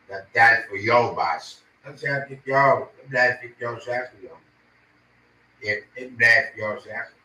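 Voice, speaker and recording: An agitated man rants in an angry monologue to camera, repeating himself. His voice is low-ish, bright and forceful, captured in a roomy space far from the mic with faint noise.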